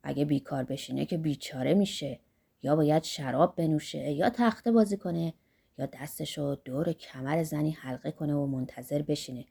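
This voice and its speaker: A woman's voice: low voice, gravelly, mellow, slightly rough, voice pushed down, heavily acted. A woman voicing an earthy, boisterous older workman, blunt and philosophizing, in an audiobook.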